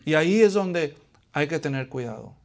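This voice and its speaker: A man from Latin America preaching a sermon in a high voice. He puts questions to his congregation and answers them himself. His delivery swings between hushed pleading and loud emphasis. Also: animated, normal speed.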